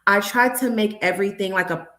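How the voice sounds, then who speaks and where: A woman's voice: medium pitch, brisk, bright, forceful tone. A woman in her thirties, a nurse educator and mother, speaking candidly as an interview guest and telling stories with quoted dialogue. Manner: candid, storytelling, acts out dialogue with her daughter. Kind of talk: conversational interview. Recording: echoey room.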